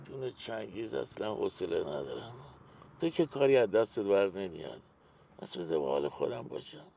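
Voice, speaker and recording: A man's voice: sits low, sing-song, creaky, mellow, slight background noise, full character voice. Samad, a weary worn-down man. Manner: weary, downcast complaining. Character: weary indebted middle-aged man, worn down. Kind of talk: TV series acting.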